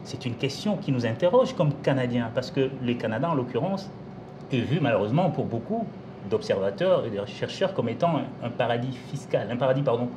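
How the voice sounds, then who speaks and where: A man from Congo, a novelist, answering interview questions in a measured, articulate way with some hesitations. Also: mid-range voice, animated, noisy background. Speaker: novelist guest.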